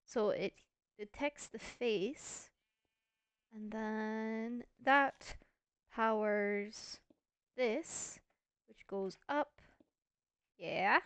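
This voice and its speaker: A woman's voice: fairly high pitch, clean tone, no echo. A woman hosting a casual gameplay video, chatty and thinking aloud with playful self-mockery. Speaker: Minecraft let's-play host.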